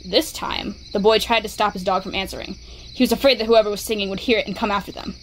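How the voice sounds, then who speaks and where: A woman tells a scary story in a steady, measured way, keeping an even pace. Her voice sits in a middle pitch over a faint hiss of background noise. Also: rough recording.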